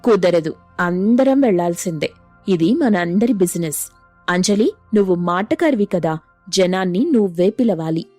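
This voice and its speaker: A woman voicing a firm, sensible middle-aged mother-in-law in an animated story, commanding in tone. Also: on the low side, a little slow, dry recording, faint music behind.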